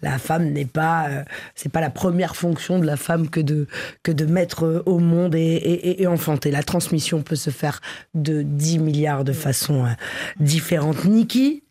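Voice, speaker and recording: A woman's voice: deep voice, a little slow, warm tone. A woman co-hosting a casual chat podcast, speaking in a firm, outspoken way. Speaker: podcast co-host.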